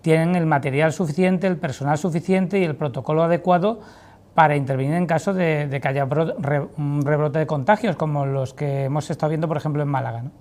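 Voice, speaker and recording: Dark-voiced woman interviewer, formal. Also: sits low, fairly quick. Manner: long, formal, wordy questions. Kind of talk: interview questioning.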